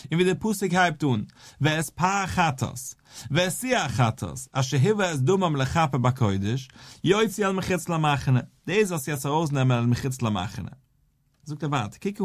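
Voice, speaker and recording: A man with a slightly higher voice gives a Talmud lesson as a rabbi. He moves through the argument step by step, putting questions and answering them in a rising, sing-song study cadence. The sound is close and dry. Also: dry recording.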